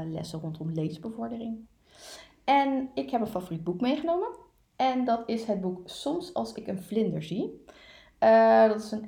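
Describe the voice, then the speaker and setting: A woman in her thirties who works as a library media coach. She talks as a guest, with many hesitant fillers and a gravelly, mellow voice. The recording echoes around the room. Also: mid-range voice. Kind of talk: casual spoken recommendation.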